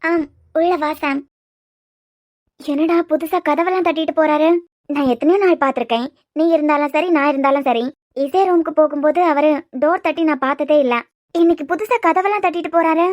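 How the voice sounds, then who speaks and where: A woman's voice: sits high, a little fast, no room sound, studio quality, close to an everyday voice. A woman with a Kanyakumari Tamil accent voicing a hurt, guarded young woman in a cartoon serial. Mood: puzzled.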